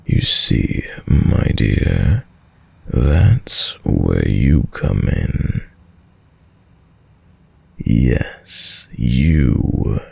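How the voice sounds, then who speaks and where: A man playing a dominant, sadistic vampire lord in an intimate audio roleplay, speaking in a deep, breathy, gravelly voice with courtly, teasing menace. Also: a little mellow, exaggerated voice. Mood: commanding, seductive. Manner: slow, silky, formal, teasing menace with drawn-out pauses.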